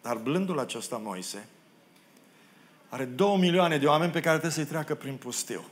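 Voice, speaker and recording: Expressive male preacher in a church. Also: fairly high pitch. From Romania. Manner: expressive preacher who acts out the biblical quotes; self-deprecating asides to the congregation. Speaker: pastor. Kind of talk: sermon. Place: church hall.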